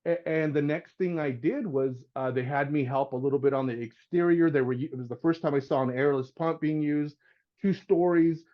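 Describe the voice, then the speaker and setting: A man's voice: fairly high pitch, moderate pace, muffled recording. A middle-aged man, a house painter and podcast guest, telling a story in a loose, casual way and acting out the voices of the people in it. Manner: animated storyteller, acts out voices, says "man" and "dude".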